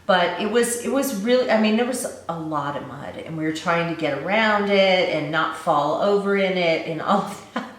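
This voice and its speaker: A woman's voice: fairly low pitch, moderate pace. Echoey room, woman chatting to vlog. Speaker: vlogger. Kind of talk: casual vlog recap.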